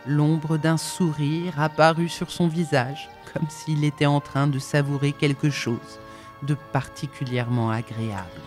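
A woman narrating an audiobook in an expressive, measured storytelling manner. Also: low voice, soft background music.

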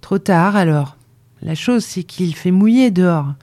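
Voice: mid-range voice, lively intonation, measured pace, dark tone, no echo, pitched above the performer's own voice, close to an everyday voice. A reader voicing an awkward young male coachman who asks hesitantly for a favor, in an audiobook. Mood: wheedling. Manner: hesitant, wheedling. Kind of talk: audiobook character reading.

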